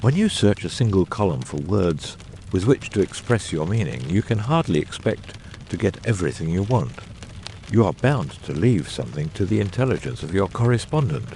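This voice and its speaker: Playing a brilliant middle-aged detective for an audiobook drama, this man speaks in a very low, creaky, darkish voice that is highly animated. He sounds self-satisfied, theatrical and exacting, choosing erudite phrases, swinging his pitch widely and pausing deliberately. A faint hiss or hum sits underneath.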